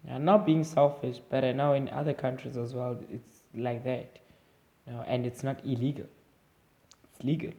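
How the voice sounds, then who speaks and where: Gravelly-voiced South African man rambling. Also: mid-range voice, level tone, normal speed, mellow, muffled recording. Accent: South African (Eastern Cape). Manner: rambling, hesitant, with many fillers and restarts. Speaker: vlogger. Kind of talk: casual opinion monologue.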